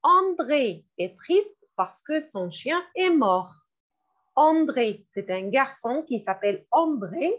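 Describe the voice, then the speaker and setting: A woman teaching French vocabulary in a classroom lesson, repeating each word slowly and glossing it in English. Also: sits high, big pitch swings. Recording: dull lo-fi recording.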